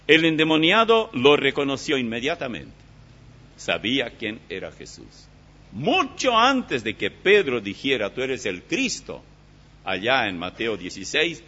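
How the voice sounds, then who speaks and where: Male Bible teacher, animated pitch, dull lo-fi recording. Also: slightly rough. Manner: reads scripture aloud with lively emphasis, then explains it. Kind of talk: Bible study lecture.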